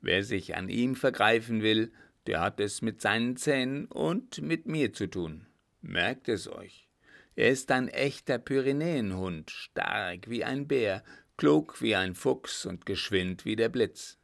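A man voicing a sly, unhurried coachman who talks in a stubborn, mocking drawl. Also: fairly low pitch, fairly bright tone. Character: sly, unhurried old coachman, proud dog owner.

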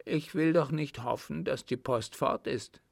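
A man's voice: mid-range voice, unhurried, vocal fry, no echo, clean studio sound, voice pushed up. A man voicing an indignant, flustered nobleman who asks raised, incredulous questions.

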